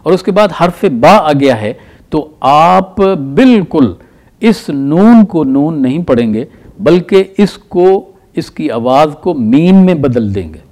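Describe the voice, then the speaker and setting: A man teaches a tajweed lesson, explaining patiently and reciting examples slowly with stress. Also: fairly high pitch, expressive, darkish tone.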